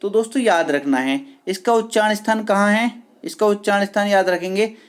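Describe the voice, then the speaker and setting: A teacher giving an online exam-prep lesson, repeating key words slowly and checking with the class whether it is clear. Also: medium pitch. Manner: addresses viewers as friends, patient and repetitive.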